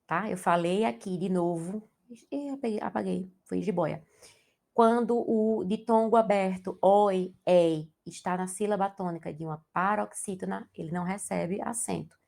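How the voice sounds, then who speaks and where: A young Brazilian woman, a Portuguese teacher, gives an explanatory exam-prep grammar lesson in a Brazilian accent, checking in with tag questions. She speaks at medium pitch and a moderate pace, her voice gravelly and darkish.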